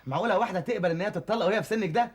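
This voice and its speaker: A cocky egyptian thief, husky, talks super fast. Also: male voice, sits high. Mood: cheeky. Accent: Egyptian Arabic. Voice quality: cheeky, teasing. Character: cocky young male thief, cheeky and haggling. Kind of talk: classic Egyptian stage comedy acting.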